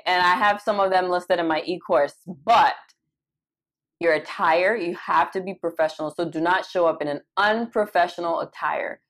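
Animated woman coaching with emphatic repetition. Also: fairly low pitch. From Cameroon. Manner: animated and emphatic, repeats for stress. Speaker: residency interview coach. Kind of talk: live Q&A session.

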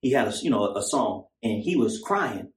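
A man's voice: fairly low pitch, big pitch swings, normal speed. Echoey American doomsday street preacher, urgent man. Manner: urgent, repetitive, colloquial, rising into shouts. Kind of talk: doomsday street-preacher sermon, scripture reading with informal commentary. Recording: echoey room.

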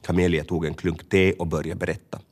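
A man narrating a children's storybook with a lively, expressive reading. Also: sits low.

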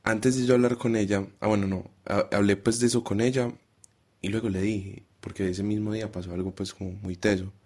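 Young man, Colombian Paisa accent, deep voice, casual podcast guest, acts out dialogue in stories. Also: little pitch movement, fairly quick, a little mellow. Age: 20s. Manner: acts out dialogue while telling a story. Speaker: guest, primary school teacher.

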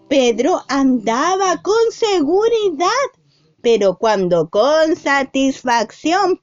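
A woman reading a Bible story aloud to a child in an expressive way and stopping to ask the child questions. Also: sits high, muffled recording.

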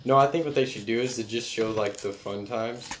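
A young man chatting casually with a friend, laid-back and slangy and quick to laugh. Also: medium pitch, noisy background. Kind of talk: casual chat. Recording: roomy echo.

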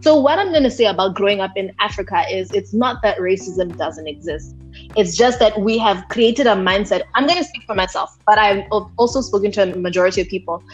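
Animated woman from Botswana, lo-fi. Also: medium pitch, fairly quick, soft background music. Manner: animated, expressive storytelling. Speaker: podcast co-host. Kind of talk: casual chat.

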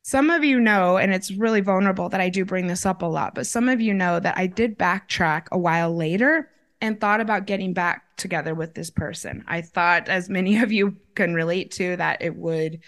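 A woman's voice: fairly low pitch, fairly bright tone. A woman hosting an upbeat advice vlog, coaching listeners directly in an encouraging, orderly, step-by-step way. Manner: encouraging, tidy step-by-step delivery. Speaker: relationship coach and show host.

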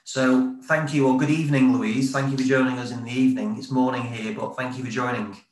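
A man's voice: medium pitch, flat delivery, fairly quick. A man hosting an interview over a video call, often restarting and repeating words as he asks questions. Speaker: interview host. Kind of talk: interview conversation. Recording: roomy sound from far off the mic.

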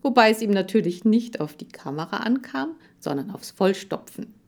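A woman narrating a children's book aloud in the first person, lively in tone. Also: mid-range voice, normal speed, gravelly. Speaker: audiobook narrator.

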